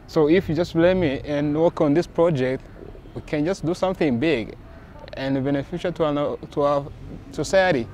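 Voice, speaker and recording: A man's voice: a little high, moderate pace, a little hiss or hum. A man from Rwanda, a comics creator, chatting casually in an interview and acting out the conversations he recounts. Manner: animated, acts out quoted exchanges.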